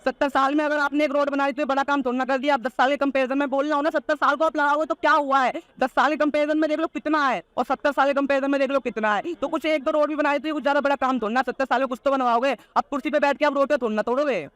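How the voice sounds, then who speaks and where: High-pitched teenage boy arguing in one breath. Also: fairly even intonation, fairly bright tone, no echo. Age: teenager, not yet of voting age. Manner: all in one breath, rattling off points without pause; combative, insistent, repeats points and poses rhetorical challenges. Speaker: member of the public giving political opinions. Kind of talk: street interview, argumentative opinion.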